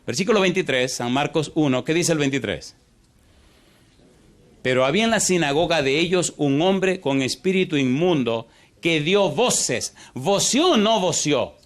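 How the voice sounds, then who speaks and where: Animated Spanish-speaking male pastor preaching. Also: a little high. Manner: asks the congregation repeated yes-or-no questions; animated, shifts pace from fast to drawn out. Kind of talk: sermon.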